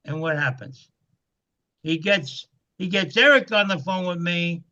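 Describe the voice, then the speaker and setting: A man's voice: high voice, measured pace, dull audio. A man in his seventies telling a business testimony story, acting out the dialogue he recounts. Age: 70s. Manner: animated storyteller, acts out quoted dialogue. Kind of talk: testimony to a group call.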